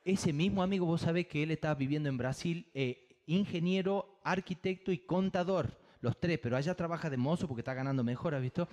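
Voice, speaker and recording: A man's voice: fairly high pitch, fairly quick, few pauses, a little mellow. A man doing live stand-up on a theater stage, telling bawdy stories into a stage microphone with a punchy rhythm. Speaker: stand-up comedian.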